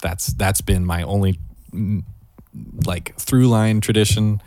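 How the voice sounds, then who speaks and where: A man in his late twenties chatting casually, laid-back and quick to laugh. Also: on the low side, steady tone, darkish tone, dry recording. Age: late 20s. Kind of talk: casual chat.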